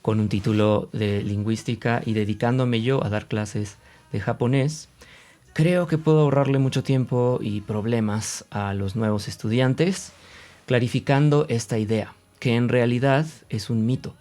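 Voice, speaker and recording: A man with a central Mexican accent teaches in a relaxed, conversational way, filling pauses with little sounds. His voice sits at an ordinary middle pitch. He keeps stopping to sound out examples aloud. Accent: Mexican Spanish. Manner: conversational, many fillers, demonstrates sounds aloud. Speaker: Japanese teacher. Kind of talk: casual explanatory video lesson.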